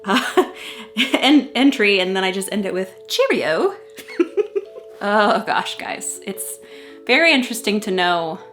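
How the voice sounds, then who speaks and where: A young woman in a casual, animated, self-mocking and giggly manner, chatting and reading aloud from an old diary. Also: medium pitch, measured pace, long pauses, soft background music. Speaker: vlogger.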